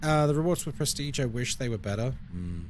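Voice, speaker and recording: Expressive and fairly quick, a mid-range male voice comes through with a little hiss or hum. The speaker is an adult London man over 20 with a London accent, casually explaining his game on a live stream while replying to chat.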